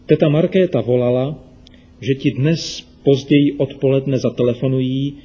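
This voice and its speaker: A man voicing a patient, gentle mother in a children's radio story. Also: medium pitch, fairly even intonation, slightly rough, muffled recording, close to an everyday voice. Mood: soothing.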